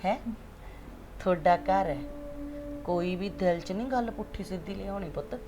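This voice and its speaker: An actress playing an older mother who talks gently and sadly to her son and daughter-in-law, with a Punjabi accent. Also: medium pitch, moderate pace, natural voice. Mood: tender. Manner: gentle, sorrowful, soothing. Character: sad elderly mother, tender and resigned. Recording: music bed under dialogue.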